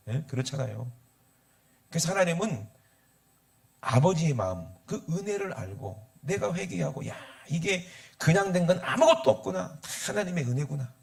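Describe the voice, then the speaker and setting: A male pastor, preaching a sermon and calling for responses from the congregation. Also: medium pitch. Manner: animated, asks the congregation for responses.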